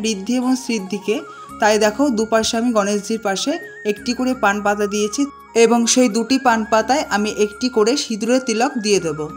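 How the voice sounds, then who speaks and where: Calm woman guiding a home ritual. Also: fairly high pitch. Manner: calm, methodical, chants mantras slowly. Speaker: home worship instructor. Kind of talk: step-by-step ritual instruction.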